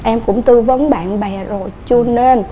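A Southern Vietnamese woman sits as a guest in a TV studio and pours out her family story. She talks quickly and earnestly, in a voice a bit higher than most and soft and mellow in tone. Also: fairly even intonation, slight background noise. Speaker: guest on a couples show. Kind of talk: emotional personal storytelling.

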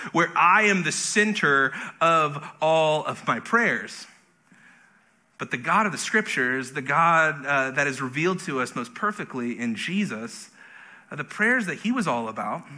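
A man's voice: a little high, sharp tone. A man preaching a conversational sermon as pastor, with self-deprecating humor.

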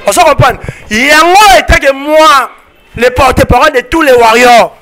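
High, bright-voiced Congolese man, fiery. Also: slight background noise. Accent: Congolese French with Lingala. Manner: emphatic, rapid French-Lingala mixing, repeats "on se comprend". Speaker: fan club spokesman. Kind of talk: heated interview answers. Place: outdoor porch of a building. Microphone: handheld mic held by interviewer.

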